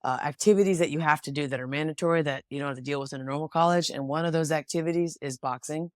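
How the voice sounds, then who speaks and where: Speaking fast in a low-pitched voice, a young female boxer from Washington State, USA reflects on things as an interview guest, restarting often in the casual conversation. The sound is clean, dry, and studio-grade.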